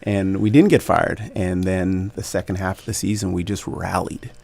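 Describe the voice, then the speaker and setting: Gravelly low-voiced man reflecting. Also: little pitch movement, normal speed, darkish tone. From Canada. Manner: reflective, grateful, laughs easily, many fillers. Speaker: basketball coach, guest. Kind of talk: radio interview conversation.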